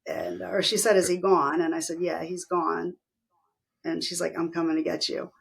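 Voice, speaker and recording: A middle-aged woman telling a personal story as an interview guest, animated, acting out the voices of people she quotes. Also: lowish voice, moderate pace, vocal fry, slightly rough.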